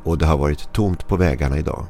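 A man reading the lines of a tense wife in a storybook horror tale, speaking low, firm and urgent. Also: warm tone, a little hiss or hum.

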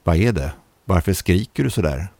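Figure: Henrik, man reading a strangely altered hiking companion, low, cold, dark and flat, storybook. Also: no echo. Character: eerily changed male hiking companion, cold and unmoved.

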